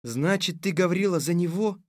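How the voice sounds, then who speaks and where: A man voicing a stubborn, indignant older tsar who protests in high, squawking outbursts. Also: animated, a little slow, fairly bright tone, dry recording, studio quality.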